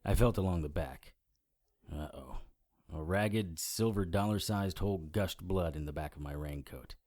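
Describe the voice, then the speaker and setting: An actor playing a wry, deadpan supernatural private eye who narrates his own audio drama in a hardboiled style. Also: low-pitched, moderate pace. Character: dry-witted male private investigator narrator. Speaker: narrator and lead character.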